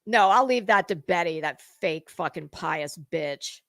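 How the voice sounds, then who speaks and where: A lowish female voice, lively in intonation and a little slow, carries an off-the-cuff rant aimed at viewers. The speaker, an online commentary creator, is blunt, sweary and confrontational and leans heavily on emphatic words.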